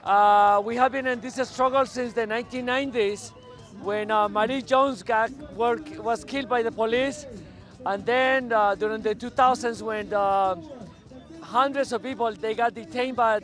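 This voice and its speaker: A Colombian-born man with a strikingly high voice talks earnestly at an outdoor march, pausing often on fillers. Faint music plays behind him. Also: steady tone, fairly bright tone. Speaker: activist at a rally. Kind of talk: street interview.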